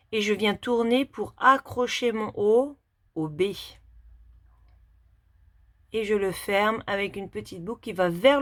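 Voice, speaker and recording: A woman gives a handwriting lesson for young children at an unhurried pace. She talks through every stroke as she writes, in a plain mid-range voice. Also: medium pitch. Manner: slow, step-by-step demonstration while writing. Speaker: teacher.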